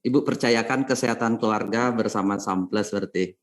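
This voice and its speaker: A man's voice: lowish voice, a little fast. A man hosting a webinar interview over a video call, mostly giving short encouraging replies and questions. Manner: brief encouraging responses. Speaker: webinar host. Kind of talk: casual interview.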